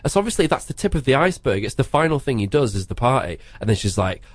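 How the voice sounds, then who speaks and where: A man's voice: mid-range voice, big pitch swings, dry recording. A man co-hosting a casual film review chat, chatty and rambling. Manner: chatty, rambling, quick to laugh. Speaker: podcast co-host.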